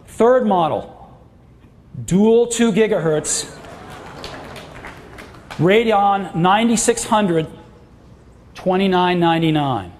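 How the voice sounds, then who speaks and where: A man's voice: sits high, slow, long pauses, darkish tone, a little hiss or hum. A middle-aged man giving a product launch keynote on a large auditorium stage, with emphatic, enthusiastic salesmanship. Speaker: keynote presenter. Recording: long hall reverb, faint crowd.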